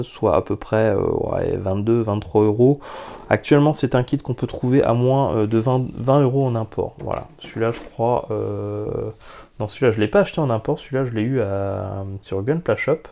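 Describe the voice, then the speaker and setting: A man's voice: medium pitch, moderate pace, gravelly, warm tone. A man hosting a casual unboxing vlog, talking frankly about a model kit with lots of hesitations. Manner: chatty, many hesitations, frank opinions. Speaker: YouTube model-kit reviewer.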